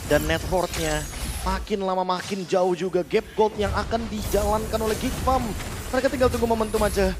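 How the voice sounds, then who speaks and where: A man's voice: sits high, fairly even intonation, fairly quick. A man with an Indonesian accent working as an esports caster, giving emphatic, explanatory analysis of the match. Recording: music behind the voice.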